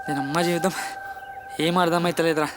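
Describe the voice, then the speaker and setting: A man's voice: on the high side, little pitch movement, fairly quick, very noisy, natural voice. An actor playing an anxious young man urgently searching for his missing friends. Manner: urgent, agitated. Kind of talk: film acting.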